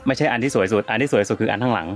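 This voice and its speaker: A man vlogging as he climbs a steep forest trail outdoors, out of breath and joking, sometimes shouting out. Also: lowish voice, very fast, faint music behind. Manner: playful, jokey, shouts out loud at times. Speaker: travel vlogger. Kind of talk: casual vlog narration while hiking.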